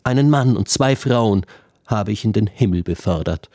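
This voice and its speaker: A man's voice: lowish voice, animated, normal speed, mellow, dry recording, studio quality, close to an everyday voice. A man voicing a remorseful murderer who confesses in a plaintive, hesitant way, in a storybook reading.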